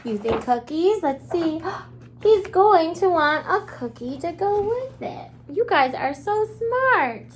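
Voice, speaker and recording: This teacher's very high, sing-song delivery carries an interactive read-aloud for young children. Expressive and encouraging, she uses short phrases, asks questions, and pauses for answers while a bit of background noise plays.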